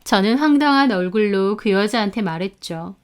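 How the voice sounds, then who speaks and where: A woman narrating a dramatic story in an even, conversational manner. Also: mid-range voice, normal speed, smooth.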